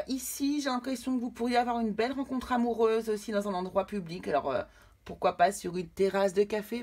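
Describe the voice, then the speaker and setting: A woman giving a casual tarot reading to camera, chatting directly with her viewers. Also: mid-range voice. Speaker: tarot card reader.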